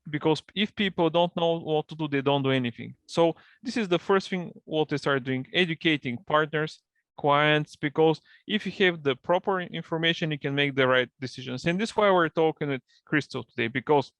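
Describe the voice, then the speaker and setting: Gravelly-voiced Bulgarian man explaining. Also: a little high, a little fast, a bit bright, dry recording. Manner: fluent non-native English, explanatory. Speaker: guest, partnership manager. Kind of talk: online interview.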